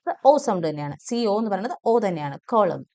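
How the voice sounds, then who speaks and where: A woman's voice: lowish voice, animated, warm tone. Malayali woman teaching English pronunciation. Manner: repeats each word slowly and deliberately. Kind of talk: pronunciation lesson.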